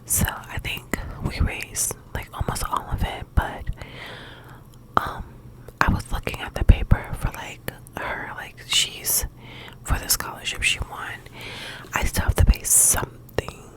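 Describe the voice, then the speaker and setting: The audio here is rough. A woman ASMR host whispers breathily and quietly, late-night style, drifting through a casual, halting ramble that resembles a one-on-one ASMR chat.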